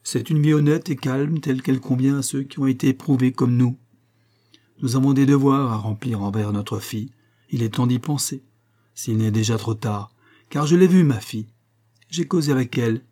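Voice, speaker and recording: Male reader as a cynical, commanding middle-aged husband in an audiobook; dark, husky, hard-edged. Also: mid-range voice, natural voice. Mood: reproachful. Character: bitter middle-aged husband returned from the dead. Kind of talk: audiobook character reading.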